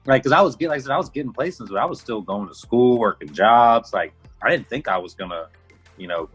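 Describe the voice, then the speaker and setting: A man's voice: mid-range voice, expressive, quick pace, a bit bright, husky, low-quality recording. A young man from Houston, Texas, a music producer guest talking casually in an interview, laid-back with lots of filler words. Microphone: livestream call.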